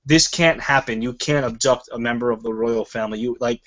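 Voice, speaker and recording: A man's voice: mid-range voice, a little fast, fairly bright tone. A man hosting a casual review chat, rambling and swearing freely as he goes. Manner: rambling and profane. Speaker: show host. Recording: muffled lo-fi recording.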